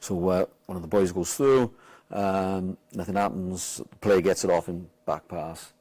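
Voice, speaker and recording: A man's voice: low-pitched, unhurried. A Welsh man, a football manager, telling a match story in casual chat, swearing freely and acting out what people said. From Wales. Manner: animated, swears a lot, acts out quotes loudly.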